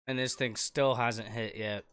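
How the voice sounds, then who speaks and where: A man hosts a storm-watching livestream in an ordinary mid-pitched voice. His talk is casual and unscripted, like chatting with regular viewers. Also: fairly even intonation, unhurried, a bit bright, smooth. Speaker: livestream host monitoring storm chasers.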